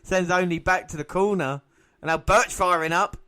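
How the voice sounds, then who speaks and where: Male podcast commentator, bright and forceful, excitable and quick to laugh. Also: high-pitched, clear, resonant tone. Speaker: podcast co-host. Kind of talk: playful wrestling commentary.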